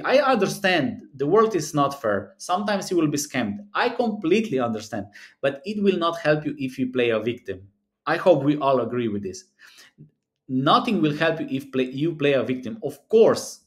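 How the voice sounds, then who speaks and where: Shot in a webcam close-up, a man in his 30s from Europe talks in English with a slightly high voice; a South Slavic language is his first. He's a sports betting analyst making screen-recorded commentary inside a small room. Earnest and given to repeating himself, he hesitates often and fills his run-through of the numbers with fillers.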